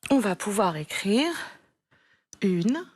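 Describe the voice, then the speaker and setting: A French woman teaching a primary school spelling lesson, speaking slowly and clearly, patient and encouraging as she repeats each word for a young pupil. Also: medium pitch, very animated, darkish tone, dry recording. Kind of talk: slow, clear classroom instruction to a child.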